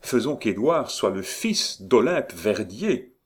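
A man reading aloud who voices a hot-headed young male playwright in loud, blustering outbursts. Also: lowish voice, sing-song, slow pace, breathy edge, full character voice. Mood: excited.

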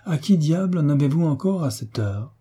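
Narrator doing a blustering old sailor commander, dark husky tone, storybook. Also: male voice, on the high side, lively intonation, normal speed, voice pushed up. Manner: blustering, cursing mildly. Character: gruff genial old retired sea captain.

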